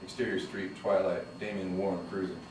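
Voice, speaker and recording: A deep-voiced man takes the stage directions at a script table read, moving briskly through the action lines in a steady, even manner. The sound is echoey and noisy, captured from far away.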